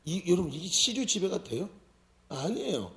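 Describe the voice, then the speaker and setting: A man's voice: high-pitched, normal speed. A man preaching a sermon as senior pastor, often asking the congregation questions. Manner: lively, questions the audience often. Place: church sanctuary. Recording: roomy church hall.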